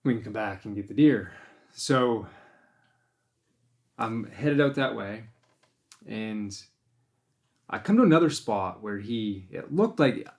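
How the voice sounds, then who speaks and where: A man's voice: on the low side, expressive, takes it slowly, long pauses. A man hosting a casual podcast, retelling a hunt in a rambling way, often restarting and acting out his own thoughts. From Maine. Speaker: podcast host and deer hunter. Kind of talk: casual storytelling chat.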